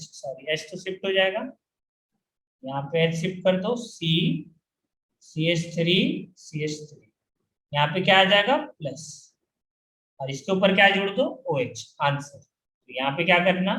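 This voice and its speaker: A male chemistry teacher's high voice comes across pushed and bright as he lectures in an echoey room. He repeatedly throws questions at the class and drills them on the answers.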